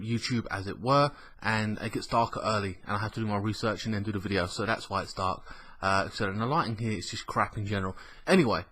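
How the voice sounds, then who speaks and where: A man with a slightly croaky, under-the-weather voice, hosting a casual gaming news vlog in a rambling, colloquial, sweary way. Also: mid-range voice, fairly bright tone. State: ill with a cough. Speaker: gaming news show host.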